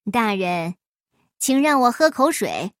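Woman doing Afanti, calm sly trickster. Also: on the high side, no room sound, clean studio sound, full character voice. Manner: unhurried, politely mocking. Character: clever humble male folk trickster, calm and teasing. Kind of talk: storybook reading.

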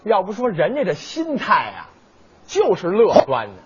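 A man's voice: sits high, huge pitch swings, normal speed, husky. A man performing stage crosstalk comedy, teasing his partner with mock concern and put-on sobbing. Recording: dull stage recording.

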